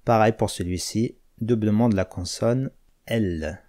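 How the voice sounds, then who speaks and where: A man teaching a language lesson, slowly spelling out words and giving word pairs one by one. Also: fairly low pitch, dark tone.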